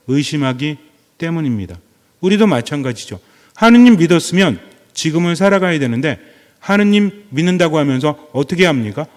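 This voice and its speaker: Man preaching in a reverberant hall. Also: fairly high pitch. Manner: asks the congregation questions and repeats phrases for emphasis. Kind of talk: sermon.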